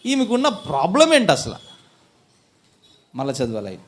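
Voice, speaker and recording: A pastor delivers a sermon in a higher voice with huge pitch swings at a moderate pace. He poses questions to his congregation, answers them himself, and builds to loud, emphatic peaks.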